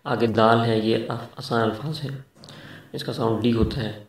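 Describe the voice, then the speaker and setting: A man teaching Quran pronunciation, explaining each letter and drawing out the sounds slowly and carefully. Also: mid-range voice, steady tone. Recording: echoey room, distant from mic.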